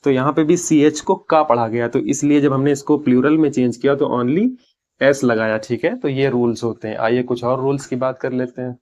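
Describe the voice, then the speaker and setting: A man's voice: mid-range voice, fairly even intonation, a little mellow. Man teaching grammar step by step. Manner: explains step by step, asks and answers his own questions; reads English terms slowly and deliberately. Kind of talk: classroom-style lesson.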